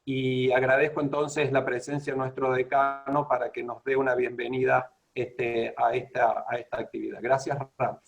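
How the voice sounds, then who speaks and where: A man moderating an online alumni meeting on a video call, introducing the speakers in a halting way with many fillers. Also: medium pitch, flat delivery, vocal fry, highs cut off. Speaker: program director and moderator.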